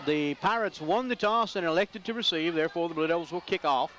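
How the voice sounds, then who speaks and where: A man calling high school football play-by-play, building up loudly on big plays. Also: brisk, a loud crowd. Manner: excitable in big plays, rising loud. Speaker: play-by-play announcer.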